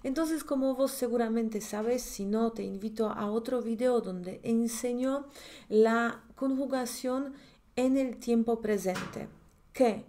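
Speaking slowly in a fairly high, dark-toned voice, a Polish-accented woman in her thirties gives a chatty online grammar lesson. She explains things and keeps checking in with her listener, often with "¿sí?" She sits at a desk indoors, recorded through a webcam in a corner of a screen share.

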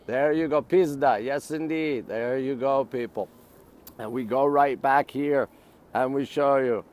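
Speaking unhurriedly in a mid-range, darkish voice, a middle-aged Montreal native with a North American accent hosts a casual live stream along an urban riverside. He points out city sights in short, excited, repetitive phrases.

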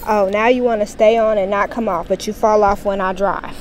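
A woman's voice: mid-range voice, fairly even intonation, brisk, slight background noise. A woman in her thirties talking casually to camera, rambling and swearing, a little tearful, filming in a car and a parking lot on a camera mic. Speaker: vlogger. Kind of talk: casual vlog talk. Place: parked car, then outdoor parking lot.

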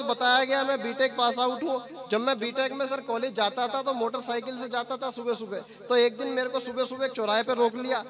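A young man performing comic poetry patter on stage, chatty and teasing, forever assuring the crowd he is telling the truth, through a stage microphone at a live gathering. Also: extremely high pitch. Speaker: stand-up poet. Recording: lively crowd reacting behind.

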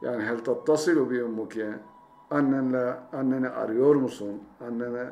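A man's voice: mid-range voice, fairly even intonation, normal speed, mellow, slight background noise. A man teaching a language lesson, saying each phrase twice and then translating it. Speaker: Arabic teacher. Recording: roomy echo, faint ambience.

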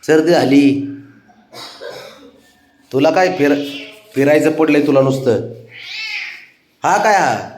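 A man talks slowly and tenderly to his cat, switching between gentle coaxing and mock scolding. His speech is unhurried and drawn out. The recording sounds echoey, as if made in a bare room at home. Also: a little high, animated. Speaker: pet owner talking to his cat. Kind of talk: casual talk to a pet.

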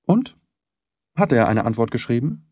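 In an audiobook, a man portrays a shrewd detective who explains his reasoning courteously, sounding precise, probing and self-assured. His husky, medium-pitched voice moves at a moderate pace with an animated melody, and the sound is dry and close with no room sound.

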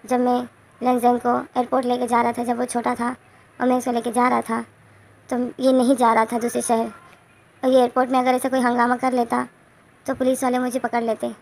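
A woman's voice: on the high side, monotone, brisk, vocal fry, darkish tone. A woman voicing a remorseful father who confesses why he treated his son harshly. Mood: regretful. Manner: confessional, regretful.

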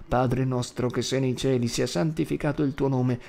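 A man reading an audiobook voices a weary former preacher who speaks softly and slowly. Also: mid-range voice, steady tone, vocal fry, natural voice. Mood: gentle. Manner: soft, slow, subdued.

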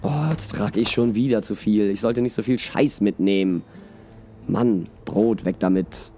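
A man's voice: fairly low pitch, unhurried, dark tone, faint music behind. A man playing a fantasy game, reading a story aloud and chatting casually about his gameplay. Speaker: let's player.

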